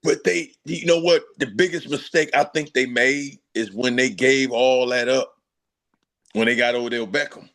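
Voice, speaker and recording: A former football player guests on a sports talk show, chatting casually in an emphatic, slangy way with laughing asides. His voice is medium-pitched and fairly bright, at a moderate pace.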